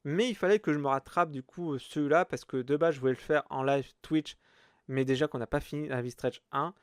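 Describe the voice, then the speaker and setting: A man's voice: fairly high pitch, brisk, clean tone, no echo, clean studio sound. A man hosting a casual solo podcast, rambling with lots of hesitations. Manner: rambling, many hesitations and fillers. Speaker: podcast host.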